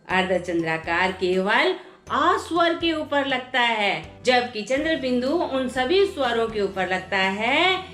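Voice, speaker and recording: A woman's voice: a little high, fairly bright tone, roomy sound. A woman teaching a language lesson, reading out practice words one by one and asking the class how to pronounce them. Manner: slow, deliberate pronunciation drills with rhetorical questions. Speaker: Hindi teacher. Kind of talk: classroom lesson, reading word lists aloud.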